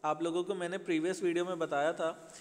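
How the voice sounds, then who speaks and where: A man's voice: on the high side, level tone, fast. A male English teacher with an Indian accent, patiently explaining a grammar lesson to children and mixing Hindi with English. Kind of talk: recorded classroom lesson. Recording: long reverb, roomy hall.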